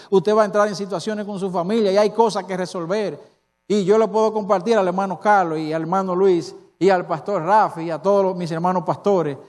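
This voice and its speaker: High-voiced Dominican pastor preaching. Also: male voice, a little mellow. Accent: Dominican Spanish. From Dominican Republic. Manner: emphatic preaching with rhetorical questions to the congregation. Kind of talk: sermon. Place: church hall. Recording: reverberant church hall.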